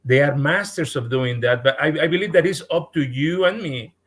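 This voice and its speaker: A man with a Mexican accent, a guest on a podcast, speaking earnestly and haltingly, often repeating words as he restarts. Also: fairly high pitch, fairly bright tone, breathy edge. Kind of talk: podcast interview.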